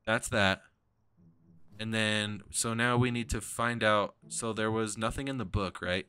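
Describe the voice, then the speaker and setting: A man's voice: lowish voice, steady tone, unhurried, sharp tone, clear, resonant tone. A young man hosting a gaming stream, jumpy and swearing, with frequent nervous laughter. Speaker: gaming channel host. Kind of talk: casual gameplay chat.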